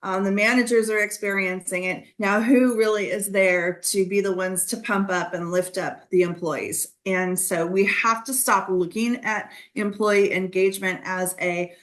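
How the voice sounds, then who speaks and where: A woman's voice: mid-range voice, fairly even intonation, normal speed, few pauses, fairly bright tone. Woman giving a conversational business talk. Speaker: guest speaker. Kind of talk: business talk on a video call.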